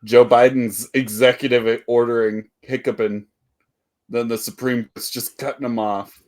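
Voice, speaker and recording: Slow-talking casual podcast co-host man. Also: medium pitch, flat delivery, a little mellow. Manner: rambling, self-deprecating, laughs often. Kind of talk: casual chat.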